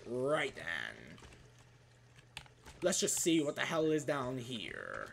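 A let's play gamer giving casual gameplay commentary, joking and talking back at the enemies on screen. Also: mid-range voice. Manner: animated, jokey, talks back at enemies. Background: game music.

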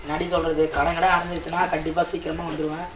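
A man's voice: on the high side, little pitch movement, racing, noisy background, close to an everyday voice. A man with a southern Tamil accent playing a husband who is leaving to work abroad, coaxing his wife again and again not to cry. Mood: reassuring. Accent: southern Tamil Nadu. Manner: coaxing, repeatedly reassuring. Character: husband going abroad to repay debts. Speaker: skit actor. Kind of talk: comedy skit acting. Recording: roomy with faint ambience.

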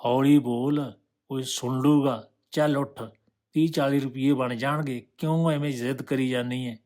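A man's voice: mid-range voice, steady tone, normal speed, a little mellow, natural voice. A man voicing a harsh male pimp who barks orders and then coaxes. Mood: coaxing. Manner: barking, then coaxing.

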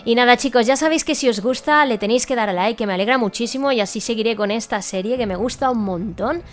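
A woman's voice: a little high, fast talker. A young woman from Spain with a Spanish accent, commenting on her gameplay with exclamations, swearing and laughter. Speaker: gaming YouTuber.

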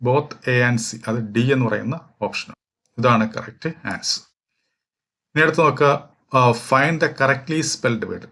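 A man from Kerala, walking through exam questions as a teacher, reading each question slowly and explaining at length with fillers. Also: medium pitch, fairly bright tone. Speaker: English teacher for exam prep. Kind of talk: exam question walkthrough lesson.

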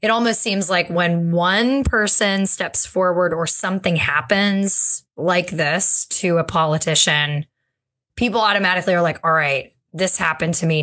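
A woman's voice: on the low side, fairly bright tone. A woman co-hosting a podcast, talking in a thoughtful, conversational way with fillers and restarts. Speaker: podcast co-host. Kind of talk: casual discussion.

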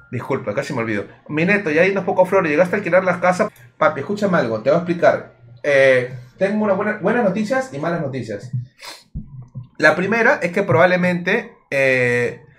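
Male streamer, Peruvian accent, high voice, slightly drunk, crude rambling banter. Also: fairly bright tone. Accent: Peruvian Spanish. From Peru. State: tipsy. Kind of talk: casual livestream chat.

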